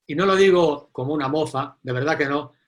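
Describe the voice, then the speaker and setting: Animated man hosting online forum. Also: a little high, fairly quick. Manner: animated, emphatic, repeats key phrases. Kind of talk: live online event introduction.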